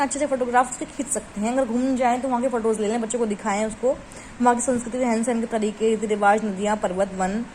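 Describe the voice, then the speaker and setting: In a lesson drawn from study notes, a woman whose fairly high voice has a darkish tone reads stiff textbook sentences and then unpacks them in conversational Hindi laced with English terms. A faint hiss runs under the low-quality recording.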